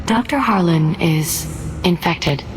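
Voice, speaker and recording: A woman's voice: fairly low pitch, expressive, takes it slowly, noisy background. An actress voicing a composed, helpful female AI assistant in a video game, speaking formally and precisely. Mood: calm, grave. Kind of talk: scripted video game dialogue.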